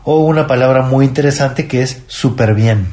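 A man with a Mexican accent explaining language rules on a radio segment, in a measured, didactic way, step by step. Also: medium pitch, a little mellow. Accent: Mexican Spanish.

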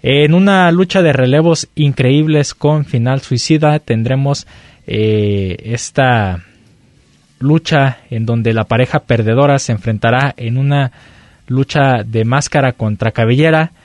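A man with a Mexican accent hosts a lucha libre show, presenting the match card conversationally and pausing as he finds his words. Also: mid-range voice, no echo.

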